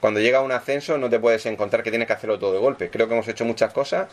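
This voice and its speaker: A man's voice: mid-range voice, fast talker. A man speaking as a football club executive at a press conference, explaining deals and signings and ending his points with tag questions.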